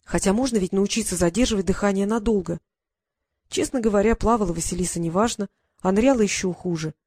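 A woman reading a children's novel aloud as a lively, expressive narrator. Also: medium pitch, quick pace, no room sound, studio quality. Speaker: audiobook narrator. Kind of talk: scripted narration.

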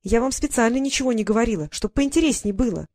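Bossy fairy girl voiced by a woman reader, brisk, condescending, dry close sound. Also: a little high, dry recording. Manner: condescending, lively. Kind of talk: audiobook character reading.

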